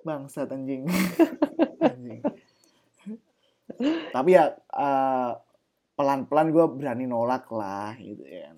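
A man's voice: mid-range voice, slow pace, pauses often, dark tone. A young man from Java in a casual chat, speaking thick with slang and casual swearing. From Java, Indonesia.

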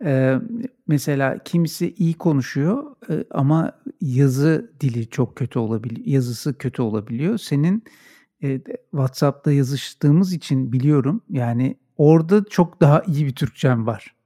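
A man's voice: medium pitch, normal speed, warm tone. A man interviewing someone in a casual, conversational way. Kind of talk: casual chat.

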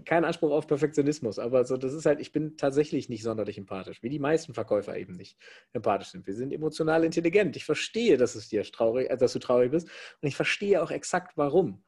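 A man in sales talking in a casual chat, emphatic and quick, often restarting his sentences. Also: medium pitch, lively intonation, darkish tone, husky. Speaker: salesperson, podcast co-host.

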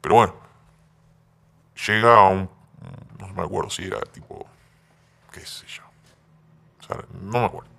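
A man's voice: on the low side, fairly quick, gravelly, long pauses. An Argentine man hosting a casual chat, telling a story and acting out voices. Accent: Argentine Spanish. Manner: animated, acts out voices in stories.

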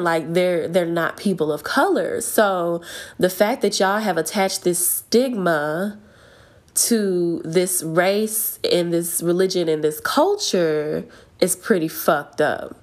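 A woman vlogger giving a blunt, profane, fired-up rant to her viewers. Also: lowish voice. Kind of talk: casual rant to camera.

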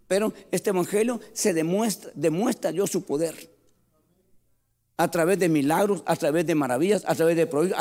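A man preaching a sermon with passion, shouting at the peaks and dropping to quiet storytelling, often calling the listeners "brother". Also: sits high, long reverb tail. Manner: addresses listeners as "hermano" often. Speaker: pastor.

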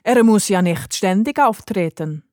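A woman voicing a kindly old grandfather who speaks calmly and soothingly, in a storybook reading. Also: mid-range voice, unhurried, dry recording, studio quality. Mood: gentle. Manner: calm, soothing, relishing.

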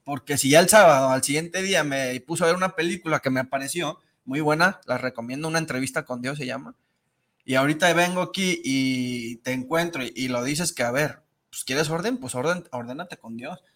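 Man, earnest and emphatic, higher voice, casual faith talk. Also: fairly quick, fairly bright tone.

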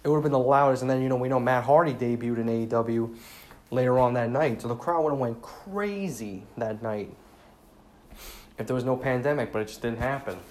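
A man's voice: medium pitch, a little fast, darkish tone. Saddened man, solo podcast host, rambling sincere casual chat, faint hiss behind. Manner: rambling, sincere, many fillers and restarts. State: saddened, subdued. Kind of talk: casual solo tribute talk.

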